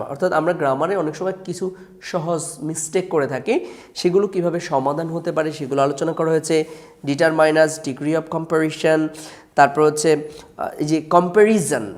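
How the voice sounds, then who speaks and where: A man's voice: fairly high pitch, darkish tone. A man with a Bangladeshi Bengali accent, an author presenting his own grammar book, listing its topics earnestly with frequent hesitations. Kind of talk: promotional talk to camera.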